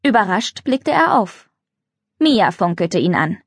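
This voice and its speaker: Brief: woman narrator for a kids' story, clear lively delivery, dry close studio sound. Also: mid-range voice, a little slow, no room sound. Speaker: audiobook narrator. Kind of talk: scripted narration of a children's audiobook.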